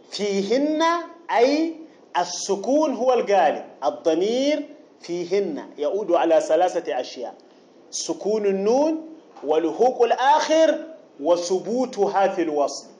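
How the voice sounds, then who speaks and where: A man teaching a grammar text, explaining deliberately, repeating key phrases and asking the listener questions. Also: high-pitched, dark tone. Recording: dull lo-fi recording.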